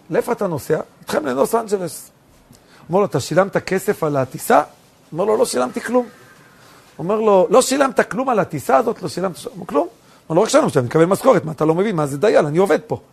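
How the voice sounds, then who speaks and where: A middle-aged rabbi preaching a sermon, telling stories and acting out the dialogue with big jumps in pitch and loudness. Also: male voice, creaky, breathy edge.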